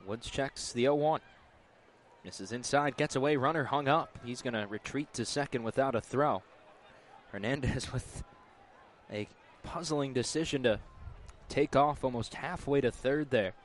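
Live baseball commentary comes from a man whose medium-pitched voice moves a little slowly, delivering short, terse calls. You can clearly hear the outdoor ballpark around him.

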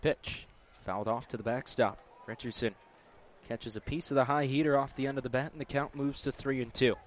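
A man's voice: mid-range voice, fairly even intonation, fairly quick. A man calling baseball play-by-play live, in clipped, terse phrases. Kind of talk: live play-by-play sports commentary. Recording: clear outdoor ambient noise. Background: outdoor ballpark ambience.

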